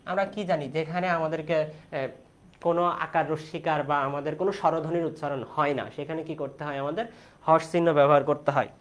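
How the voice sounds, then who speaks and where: A man's voice: on the high side, fairly even intonation, a little fast. Man, young adult, Bangladeshi Bengali accent, online tutor, quiz-style explaining. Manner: question-and-answer explaining, repeats key answers. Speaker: teacher. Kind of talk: online exam-prep class.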